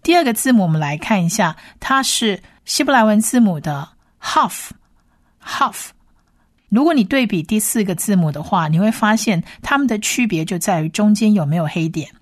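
A woman teacher walks through pronunciation letter by letter. She repeats each syllable slowly and patiently. Her voice sits in a middle pitch and is recorded dry, with no room sound. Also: lively intonation, no echo. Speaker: Hebrew teacher. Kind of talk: slow pronunciation lesson.

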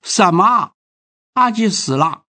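A woman's voice: deep voice, lively intonation, moderate pace, slightly rough. A man voicing a frail elderly grandmother who lives alone, speaking in an anxious, pleading way. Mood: shocked.

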